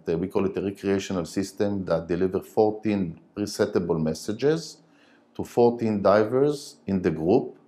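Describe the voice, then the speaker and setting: A man in his forties, not a native English speaker, explaining technical matters haltingly in a studio interview on a lapel mic. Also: deep voice, mellow. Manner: halting, hesitant phrasing. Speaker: interview guest, company director.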